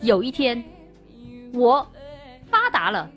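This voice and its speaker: A playful woman hosting a livestream. She teases her viewers and reads out their messages, and her pitch swings widely from high to low. Soft music plays faintly behind her. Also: wildly swooping pitch, slow. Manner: playful and teasing, stammers and restarts. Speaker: livestream host. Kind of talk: casual chat with viewers.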